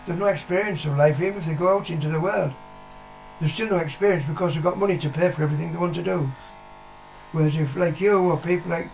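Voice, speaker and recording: Creaky-voiced older British man. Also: fairly high pitch, a little mellow, slight background noise, rough recording. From United Kingdom. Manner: blunt, plain-spoken, swearing, repeating himself for emphasis. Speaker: interviewee, father of the vlogger. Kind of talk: casual opinionated chat.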